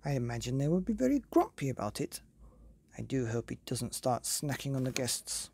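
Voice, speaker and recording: A woman's voice: rumbling low, very animated, normal speed, gravelly, a little mellow, a little hiss or hum, heavily acted. A woman voicing a vain, easily flustered fairy godmother in a storybook, prim and chattering. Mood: rueful. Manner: prim, chattering, self-absorbed.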